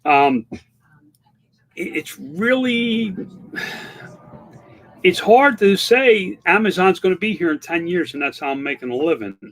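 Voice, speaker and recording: A man's voice: sits high, expressive, measured pace, long pauses, a bit bright. Candid older-sounding man in his fifties, rambling. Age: 50s. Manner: candid, rambling, with many restarts and fillers. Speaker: online seller and livestream host. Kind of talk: casual livestream chat reading viewer comments.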